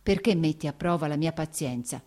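A woman's voice: medium pitch, expressive, fairly quick, darkish tone, lightly acted. Woman reading as a stiff angry nobleman. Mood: restrained anger. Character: proud young nobleman, stiff, restrained anger.

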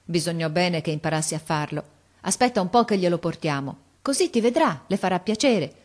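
A woman voicing a cheerful, hardworking young boy who talks in a quick, lively, chatty way in an audiobook reading. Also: on the low side. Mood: eager.

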